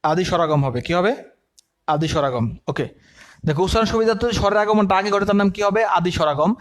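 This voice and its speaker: A man's voice: sits high, lively intonation, quick pace. A man teaching an admission coaching lecture, dictating notes and asking the class questions he answers himself. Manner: asks the class questions and answers them himself, repeats key terms; uses everyday comparisons to explain.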